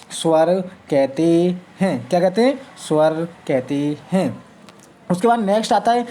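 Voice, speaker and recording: A woman teacher runs an exam-prep grammar lesson, repeating each point as a question and answering it herself. Her voice sits a little low with a warm, mellow tone. She draws vowel sounds out slowly to show how long they last. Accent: north Indian Hindi.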